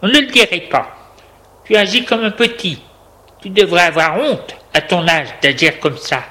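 A man's voice: on the high side, moderate pace, sharp tone. A man reading a story aloud and voicing a stern, scolding grandmother in a raised voice. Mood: coaxing stern. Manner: scolding, reproachful.

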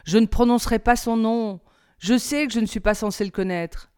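A woman's voice: a little high, moderate pace, warm tone, smooth, natural voice. A woman playing a bubbly little girl. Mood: excited. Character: chatty little girl, cheerful.

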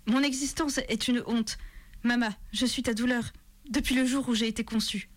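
A woman's voice: on the high side, steady tone, normal speed, pitched above the performer's own voice, natural voice. A woman reading aloud who voices an ashamed, defiant teenage girl speaking through tears. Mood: tearful. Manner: tearful, defiant.

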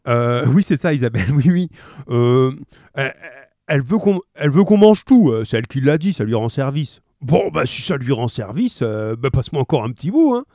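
A man's voice: mid-range voice, very animated, a little fast, mellow, dry recording, clean studio sound. A man voicing hungry policemen who mumble through mouthfuls while chatting in a kitchen. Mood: gruff. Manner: mumbling, chewing, casual.

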